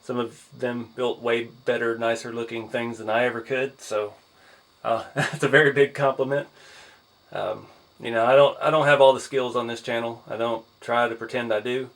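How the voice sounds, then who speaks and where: A man's voice: medium pitch, flat delivery, moderate pace, fairly bright tone. Tired man rambling through a haul. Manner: easygoing, rambling with frequent "uh"s. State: tired, losing his voice. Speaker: hobby channel host. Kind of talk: casual one-take haul vlog.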